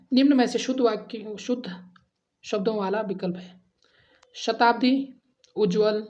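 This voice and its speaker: A woman's voice: mid-range voice, a little mellow. Woman teacher drilling Hindi grammar questions. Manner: addresses students as friends, asks and answers quiz questions; drills answers, repeating option letters. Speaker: exam prep teacher. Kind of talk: Hindi grammar exam lesson.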